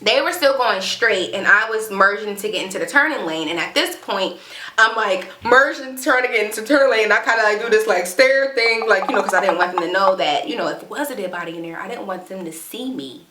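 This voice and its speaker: A woman in her twenties telling a storytime vlog, animated and dramatic, reenacting scenes. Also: mid-range voice, brisk. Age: 20s. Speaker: vlogger. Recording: echoey room.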